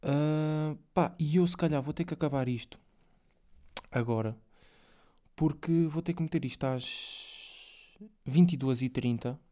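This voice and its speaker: A man's voice: mid-range voice, dark tone. A young man with a European Portuguese accent hosting a casual solo podcast, rambling in slangy, filler-heavy speech with swearing. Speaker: podcast host.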